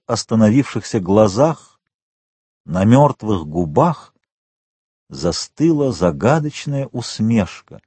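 A man narrating an audiobook in a dramatic, expressive reading. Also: lowish voice, husky, no room sound.

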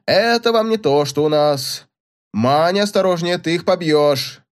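A man reading a story aloud and voicing an excitable, fussy provincial farm manager in a raised, anxious tone. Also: fairly high pitch, unhurried, voice pushed up, natural voice.

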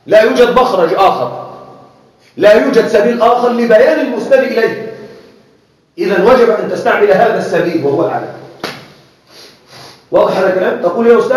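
High-voiced man teaching in an echoey room. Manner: asks students often if they follow; repeats key words slowly for emphasis. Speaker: teacher of Arabic rhetoric. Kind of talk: classroom lecture. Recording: very echoey room, voice far from mic.

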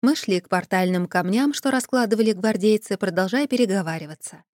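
A woman narrating a first-person fantasy novel in an expressive, dramatic way. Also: mid-range voice, fairly quick, dry recording, clean studio sound. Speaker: audiobook narrator.

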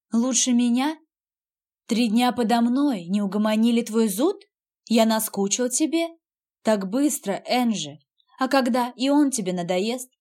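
Cruel jealous husband, read by a woman, calm and menacing, audiobook, a bit high. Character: cold, cruel, jealous husband, adult man.

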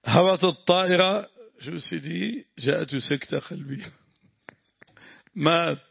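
A man's voice: fairly high pitch, unhurried, vocal fry, husky, no echo, highs cut off. A man, teaching a religious lesson, explaining grammar and breaking into prayers. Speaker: sheikh teaching tafsir.

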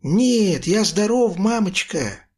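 A man's voice: high-pitched, lively intonation, slow, darkish tone, slightly rough, pitched above the performer's own voice, heavily acted. A man voicing a frightened young boy who cries out in panic and pleads, in a storybook reading. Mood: relieved.

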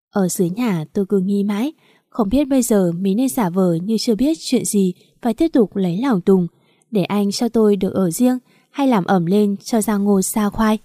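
Woman storyteller, mid pitch, mellow, dry close mic. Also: no echo. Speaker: narrator. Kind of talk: first-person story reading.

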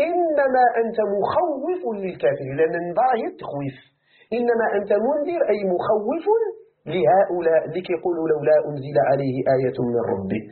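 A man with a Moroccan accent teaching a Quran commentary lesson, who asks his students questions and answers them himself. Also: high voice. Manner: animated, rhetorical questions to students. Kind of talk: classroom tafsir lesson. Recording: tinny phone-like recording.

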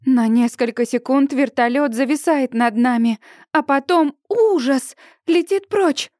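Woman, high voice, dry close sound, expressive first-person audiobook narration. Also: unhurried, no echo. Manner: expressive, dramatic reading.

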